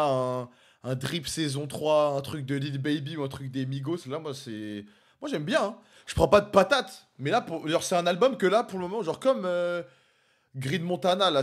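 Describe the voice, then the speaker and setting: A young adult man chatting casually on a live stream, rambling, swearing and jumping between thoughts. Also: a little high.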